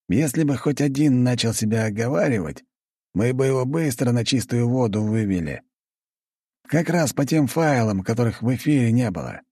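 A man's voice: medium pitch, mellow, breathy edge, dry recording, studio quality, pitched above the performer's own voice. A man voicing a blunt, chain-smoking count who swears and talks sardonically, reading an audiobook.

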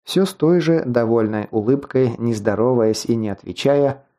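In this scripted audiobook narration, a man with a medium-pitched voice tells the story in a measured, even way.

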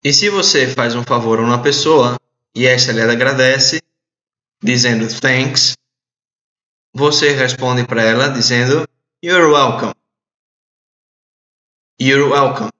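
A man teaching English in a recorded audio lesson, repeating phrases slowly and clearly for learners to translate. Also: mid-range voice, sharp tone. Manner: slow, deliberate drilling with repeated phrases. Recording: echoey, dull lo-fi audio.

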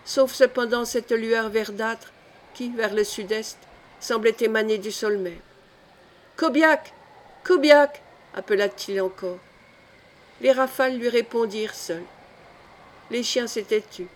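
A woman narrating a science-fiction story as an audiobook reader, in a measured, dramatic way. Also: fairly high pitch, a little hiss or hum.

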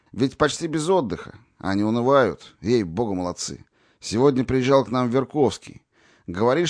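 A man's voice: medium pitch, a little mellow, no room sound, clean studio sound, voice pushed up, close to an everyday voice. A man voicing an officer who speaks earnestly about holding out, in an audiobook. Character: male officer defending city, tired but proud.

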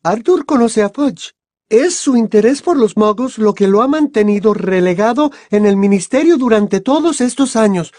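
A man's voice: sits high, expressive, normal speed, a little mellow, no echo, clean studio sound, voice pushed up. A man reading an audiobook who voices a middle-aged mother witch, speaking in an earnest, explaining tone.

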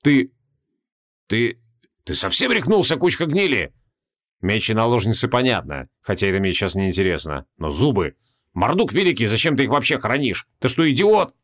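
A man's voice: mid-range voice, big pitch swings, normal speed, fairly bright tone. Arrogant ancient archmage, sneering and mocking, voiced by a man; audiobook fantasy. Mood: incredulous. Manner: scornful, mocking.

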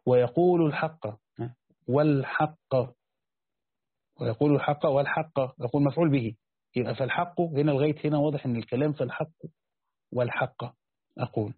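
With a breathy edge to his medium-pitched voice, a man speaking Arabic with an Egyptian accent reads and explains a classical Quran commentary. He often raises a question and then answers it himself. There is no echo, but the audio is lo-fi and tinny, like a phone.

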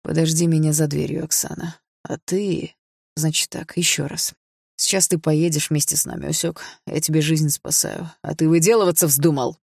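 A reader puts on a gruff, domineering older father who barks and hisses his commands at his grown son. The voice sits in a middle register and is recorded dry and close, with no room around it, as audiobook character voicing. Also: mid-range voice, fairly even intonation, normal speed, a little mellow, no echo. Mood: barking orders. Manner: barking, harsh, commanding. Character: rich older father, gruff, bullying criminal type.

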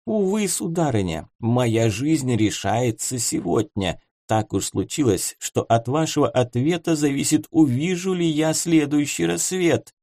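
A man voicing a drunk, desperate officer who pleads in a slow, theatrical way. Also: mid-range voice, lively intonation, warm tone, no echo, pitched above the performer's own voice. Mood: melodramatic pleading. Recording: dry close studio sound.

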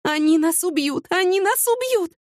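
A woman voicing a sharp-tongued young heroine who is easily frightened, speaking higher than her narration. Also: a little fast, no echo, clean studio sound, lightly acted. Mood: panicked. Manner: raised pitch, excitable.

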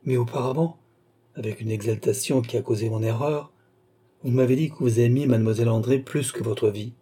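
Brisk and natural-sounding, a man reading an audiobook takes on the role of a tormented young nobleman, letting his husky, mellow voice rise louder and higher whenever the character begs. It has a storybook feel, and the pleading bursts out with raw, unrelenting passion.

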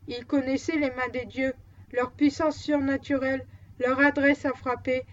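A woman narrating a novel aloud as an audiobook, in an even, measured manner, on a dull lo-fi recording. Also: high voice. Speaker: audiobook reader.

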